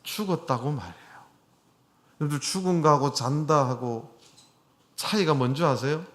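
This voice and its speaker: A middle-aged man delivers a sermon in a church. His voice sits a little high for a man. He talks in a relaxed, chatty way and keeps putting questions to his listeners. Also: moderate pace. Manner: conversational, asks the congregation questions. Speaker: pastor. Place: church hall.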